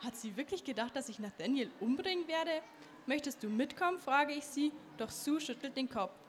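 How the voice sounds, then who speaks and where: A teenage girl reads a passage of her own novel aloud in a fairly high voice, earnest, now and then tripping on a word. Faint background noise runs beneath. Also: expressive, moderate pace. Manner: earnest reading with some slips. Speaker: young author.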